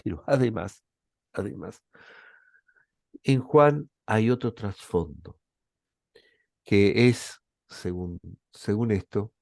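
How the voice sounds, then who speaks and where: A man's voice: fairly low pitch, slow pace, vocal fry, pauses often, darkish tone, dry recording, studio quality. A man with an Argentine accent giving a reflective Bible lecture as a professor, often checking in with his listeners. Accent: Argentine Spanish.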